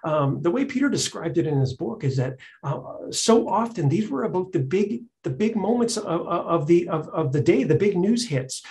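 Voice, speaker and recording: A man hosts a live onstage interview in a conversational, halting way. He pauses often on fillers as he goes. His voice sits fairly high for a man. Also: gravelly, darkish tone. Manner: conversational, hesitant, many fillers. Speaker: event host and interviewer.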